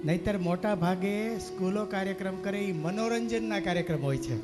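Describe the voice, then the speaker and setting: A man's voice: high voice, fairly quick, over loud music. A man with a Kathiawadi accent giving a folksy storytelling speech to parents at a school event, with emphatic rising punches, speaking into a PA microphone. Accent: Kathiawadi Gujarati. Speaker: guest speaker at a school function. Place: school cultural event stage. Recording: long reverb from a loud PA.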